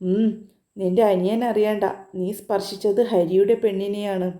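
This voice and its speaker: Sly young troublemakers who egg their friend on with goading remarks, voiced by a woman narrating. Very dark, mellow tone in a roomy, echoing space. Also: medium pitch, steady tone, a little slow, natural voice. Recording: roomy echo.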